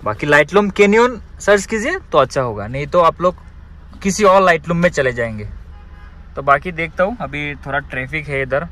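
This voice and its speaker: A young travel vlogger chats casually with his viewers, calling them "guys" in an upbeat way, his voice a little high, expressive, slightly bright and at a moderate pace. He records on a phone held at arm's length, first inside a car and then outdoors at a scenic viewpoint.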